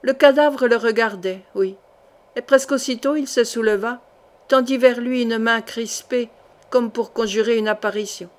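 List: woman, audiobook narrator, adventure novel, measured expressive reading, fairly high voice. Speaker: audiobook reader.

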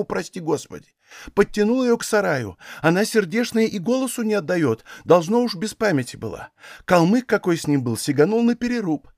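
A man reading aloud, voicing a frightened village woman who tells a grim story in a hushed, rushing way. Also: high-pitched, dry recording, clean studio sound. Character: frightened old village woman, breathless gossip.

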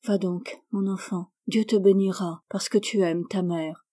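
A woman's voice: medium pitch, steady tone, a little slow, warm tone, slightly rough. A woman voicing a poor, sick peasant mother in a storybook reading, tender and pleading.

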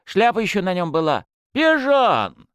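A man's voice: high-pitched, wildly swooping pitch, unhurried, a bit bright, clean tone, no echo, voice pushed up, heavily acted. A man voicing a cocky young male petty thief who whines and pleads, using criminal slang. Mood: cagey. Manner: whining, pleading, street slang.

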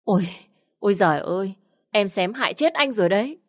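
A woman's voice: mid-range voice, expressive, a little fast, voice pushed up, natural voice. A woman voicing a timid young man in his twenties who complains and exclaims a lot. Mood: whiny. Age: 20s. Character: timid young man, whiny and easily scared.

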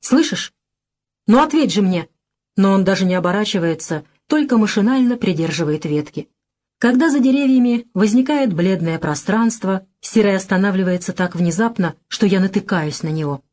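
A woman reading a first-person audiobook in a calm, measured way. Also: medium pitch. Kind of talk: audiobook narration.

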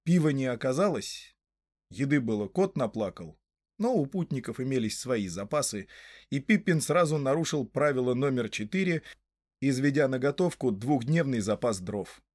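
A man narrating a storybook in a scripted reading, lively and expressive. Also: mid-range voice, moderate pace, dry recording. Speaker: audiobook narrator.

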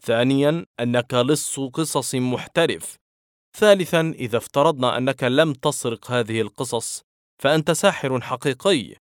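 Man as a stern middle-aged male boss, firm, dry, scolding, mid-pitched, close dry sound. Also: moderate pace, clear, resonant tone, dry recording, close to an everyday voice. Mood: cold.

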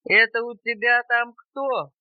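A woman voicing a gruff, pushy male bear in a storybook reading, grumbling and brash, on a dull cassette tape. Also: on the high side, fairly even intonation, slow, no room sound, voice pushed up.

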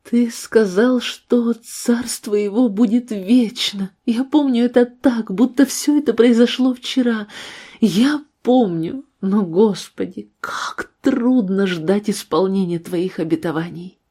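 A woman's voice: fairly high pitch, slow pace, warm tone, slightly rough, voice pushed up. A woman reading the part of a devout, earnest mother in a storybook reading. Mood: prayerful. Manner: earnest, pleading. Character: devout mother, firm yet loving.

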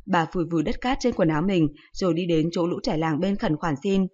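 A woman narrating a first-person comic story in a lively, self-pitying storytelling manner. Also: lowish voice, a little fast, highs cut off.

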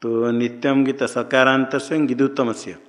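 A man's voice: medium pitch, little pitch movement. A man teaching a Sanskrit grammar class, who keeps quizzing his students with questions. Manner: quizzing students, slow and deliberate. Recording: long hall reverb.

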